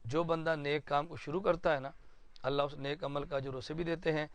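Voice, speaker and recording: A man's voice: on the high side, steady tone, no echo. A man, an Islamic cleric, gives an earnest, explanatory address to supporters at an indoor planning meeting and illustrates his points with stories.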